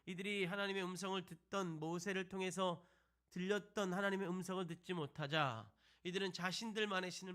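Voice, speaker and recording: A man's voice: sits high, sharp tone. A man, a pastor, preaching a sermon to a youth service, asking the congregation rhetorical questions and retelling scripture. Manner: retells scripture with acted quotes.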